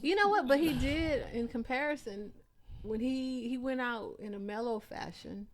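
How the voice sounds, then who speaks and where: A woman's voice: high voice, normal speed. Emphatic woman podcast co-host. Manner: emphatic and opinionated, laughs often. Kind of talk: casual podcast chat.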